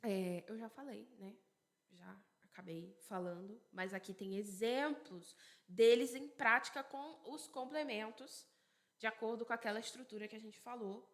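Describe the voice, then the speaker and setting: A woman, an English teacher, giving a grammar lesson in both languages. She explains step by step, repeats examples slowly and answers questions she asks herself aloud. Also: medium pitch, a bit bright.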